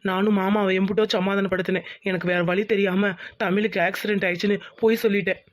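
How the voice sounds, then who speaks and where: Earnest young village groom, quick and monotone, voice actor. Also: medium pitch, natural voice. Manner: earnest, explaining. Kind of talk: cartoon voice acting.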